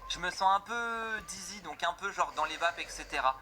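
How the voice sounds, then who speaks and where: A man's voice: sits high, moderate pace, pushed and bright, slight background noise. A man reading aloud the first-person lines of a young woman character in a game, describing what she feels after each potion. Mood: dizzy, strained.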